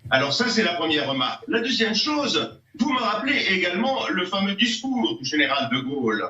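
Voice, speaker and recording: A man's voice: sits high, very animated, brisk, pushed and bright. A man arguing insistently as a guest in a heated televised debate, lecturing his opponent and pressing questions. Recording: echoey distant dull TV audio.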